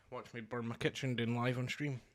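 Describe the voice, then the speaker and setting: A man hosting a casual cooking livestream from his home kitchen, rambling in a relaxed way and talking while he eats. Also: mid-range voice, measured pace. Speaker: cooking stream host.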